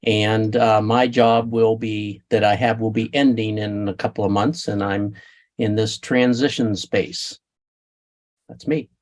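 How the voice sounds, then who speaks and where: Slow reflective guy on a video call, hesitant check-in. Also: fairly low pitch, steady tone. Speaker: call participant. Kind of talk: casual check-in.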